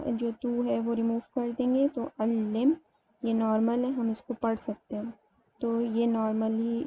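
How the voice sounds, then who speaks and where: Brief: woman teacher, patient step-by-step explainer, higher voice, narrow flat intonation, dull lo-fi recording. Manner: explains step by step, slows to spell out words. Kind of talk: grammar lesson. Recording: dull lo-fi sound, faint room noise.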